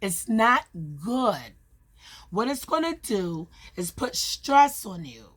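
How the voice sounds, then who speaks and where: A woman talking straight to her viewers in an earnest, emphatic way, with long pauses between short phrases as she shares hard-won advice. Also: on the high side, sing-song. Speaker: vlogger sharing her experience. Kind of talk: personal advice monologue.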